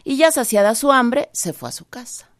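A woman with a Mexican accent telling a folk tale in a lively, expressive way with dramatic pauses. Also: fairly high pitch. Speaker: storyteller.

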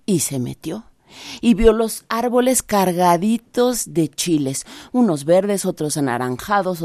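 A woman with a Mexican accent telling a folk tale in a lively, expressive way with dramatic pauses. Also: lowish voice. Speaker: storyteller.

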